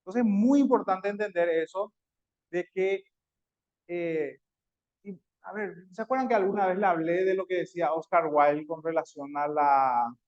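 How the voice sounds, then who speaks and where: A man's voice: sits high, moderate pace. A man teaching an online class in a conversational way, with many fillers and restarts. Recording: dull lo-fi audio.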